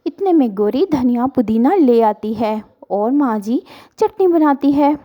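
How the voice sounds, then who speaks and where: A woman's voice: sits high, lively intonation, a little slow, highs cut off. A woman narrating a cartoon story for children in a simple, friendly way.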